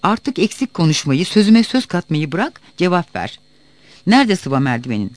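A man doing a loud, bullying village headman. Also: high-pitched, very animated, normal speed, dry recording. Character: bossy middle-aged male village headman.

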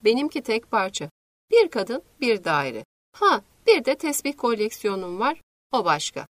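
A woman's voice: fairly high pitch, sing-song, unhurried, no echo. A woman voicing a wealthy male businessman who teases his partner with sly hints, read as part of an audiobook. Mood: teasing. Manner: teasing.

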